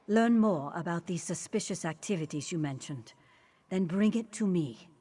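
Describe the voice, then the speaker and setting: Fantasy game queen: lowish pitch, dignified, formal, measured and politically shrewd. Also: expressive, mellow, slightly rough. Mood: grave, firm. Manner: formal, regal, deliberate. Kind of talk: video game character dialogue.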